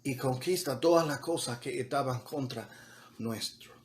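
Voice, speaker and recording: A man's voice: medium pitch, normal speed, crowd noise. A man preaching a sermon as pastor, talking conversationally with repeated words and building to emphatic peaks, mixing in English words.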